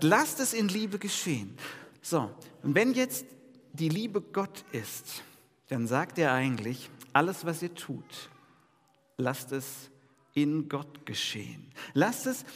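A male pastor giving a New Year sermon in a lively, conversational preaching style, asking the congregation questions. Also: fairly high pitch, long reverb tail.

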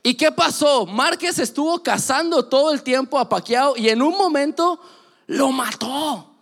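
A young man giving a casual, joking sermon full of animated sports stories. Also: very high voice, normal speed. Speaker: preacher. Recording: long reverb of a large hall.

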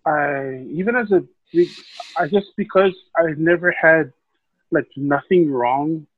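Over a tinny, phone-like line with a dry, echo-free sound, a man from Hawaii casually recounts his life as a podcast guest. He rambles unhurriedly, full of fillers and restarts, in a voice that sits a little high.

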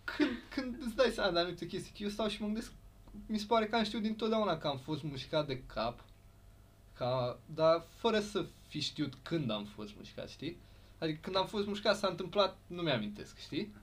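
A man's voice: high voice, expressive. A man co-hosting a podcast, telling childhood stories in casual chat, often laughing. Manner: laughing storyteller, playful. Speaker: podcast co-host.

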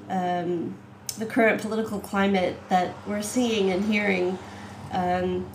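On poor audio with an echoey room and a bit of hiss or hum, a woman with a mid-range voice hosts a casual video-call interview. An artistic director, she's chatty, laughs warmly, and fills her speech with "um"s.

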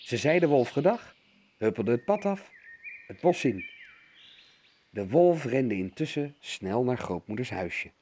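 A man reading a children's fairy tale aloud as narrator, with expressive storytelling. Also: medium pitch, a little slow, pauses often.

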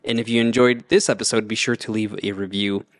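A man co-hosting a casual movie podcast. He talks in a relaxed, thoughtful way and often trails off and starts over. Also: lowish voice, a little fast, no echo, clean studio sound. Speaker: podcast co-host. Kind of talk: casual chat.

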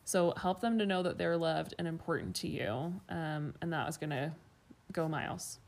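Woman co-host under a blanket fort, clear explainer w/ jokey asides, close mic. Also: low-pitched, normal speed, darkish tone. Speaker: podcast co-host. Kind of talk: casual chat with explanatory segments.

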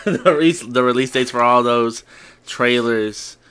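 A man hosts a casual podcast news segment. His tone is bright and his pitch sits in the middle of the male range. He rambles along with frequent filler words. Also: measured pace, smooth. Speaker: podcast host. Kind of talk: casual chat.

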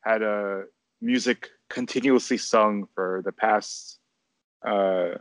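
A man with a lowish voice speaks casually, pausing often and restarting his sentences. The recording is dry and close, with no room sound. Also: no room sound. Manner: hesitant, full of fillers and restarts. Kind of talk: casual conversation.

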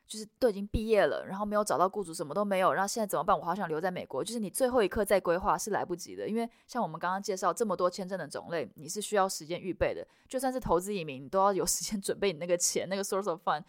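Woman, immigration consultant, rapid explanatory delivery, slightly low voice, dry close sound. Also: lively intonation, no echo. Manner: mixes English terms into Mandarin. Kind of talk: expert interview answers.

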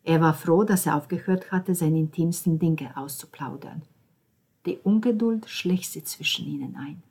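A woman narrating an audiobook in a calm, measured way, often dropping to near whispers. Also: deep voice, gravelly, breathy edge.

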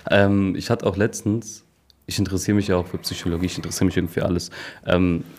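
A man's voice: sits low, little pitch movement, fast talker, darkish tone, slight background noise. A young man co-hosting a casual podcast, easygoing and rambling, laughing often. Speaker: podcast co-host. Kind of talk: casual chat.

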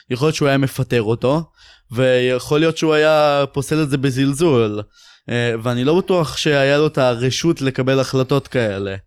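A man co-hosting a sports podcast, explaining things in a measured way. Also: mid-range voice, clear, resonant tone, no echo, studio quality. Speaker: podcast co-host. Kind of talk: casual sports talk.

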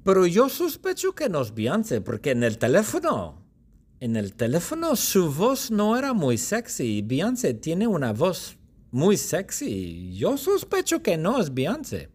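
A man speaking as a suspicious fellow heading to a meeting, in slow, simple, repeated sentences. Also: a little high, huge pitch swings, a little mellow, breathy edge, voice pushed up, exaggerated voice. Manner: slow, simple, repetitive storytelling.

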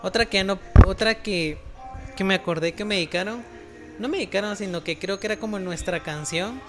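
A young woman, co-hosting a casual podcast chat in a relaxed way and often answering with short agreements. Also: medium pitch, fairly quick, over music. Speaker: podcast co-host.

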